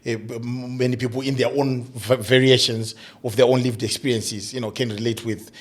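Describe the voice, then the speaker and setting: A man's voice: medium pitch, level tone. A middle-aged man from Zimbabwe, a guest in an interview, speaking thoughtfully with many restarts and repeated fillers. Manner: thoughtful, halting, many restarts and "you know". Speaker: guest, diversity and inclusion coach. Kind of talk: conversational interview.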